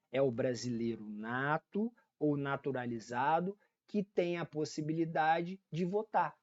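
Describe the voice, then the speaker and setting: This man's voice is fairly high and warm, recorded with no room sound and dull audio. Speaking with a Brazilian Portuguese accent, the law teacher gives a casual online exam-prep lecture, repeating key points, checking in with listeners and correcting his own slips.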